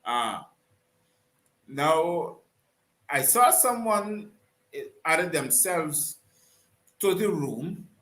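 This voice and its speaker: A man hosting a live online call-in talk show, courteous and unhurried, often trailing off and restarting. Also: a little high, sing-song, fairly bright tone. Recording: roomy echo.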